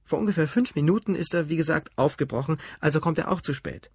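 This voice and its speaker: A man voicing a calm, sarcastic young wife and mother, matter-of-fact and cutting, in an audiobook reading. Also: on the high side, fast, vocal fry, husky, no echo, clean studio sound, voice pushed up.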